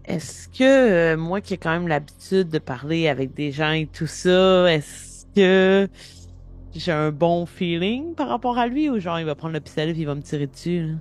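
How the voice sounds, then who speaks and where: A man's voice: a little high, animated, moderate pace, faint music behind. A man playing a tabletop game, casually thinking aloud about his moves. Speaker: player.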